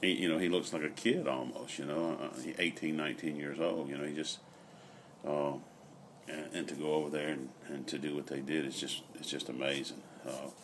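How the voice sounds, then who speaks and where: Very deep-voiced man, rambling. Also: fairly even intonation. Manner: unhurried, rambling, pausing often. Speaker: vlogger. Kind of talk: casual, reflective chat. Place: outdoor garden patio. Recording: noisy outdoor ambient recording.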